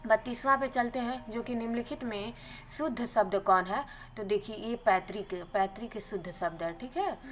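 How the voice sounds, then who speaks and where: A woman teacher going briskly through exam questions and their answers, adding a quick "okay" after each answer. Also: a little high, slight background noise, rough recording. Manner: brisk, adds "theek hai" after answers.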